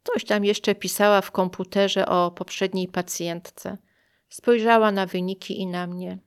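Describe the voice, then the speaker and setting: A woman reading her own first-person story aloud in a measured, reflective way. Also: mid-range voice, steady tone, smooth.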